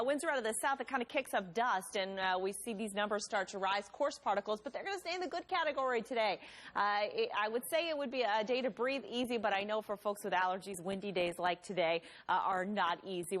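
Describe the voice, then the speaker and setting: A woman presenting the morning weather forecast on TV in a brisk, informative way. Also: mid-range voice, fairly bright tone. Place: TV studio.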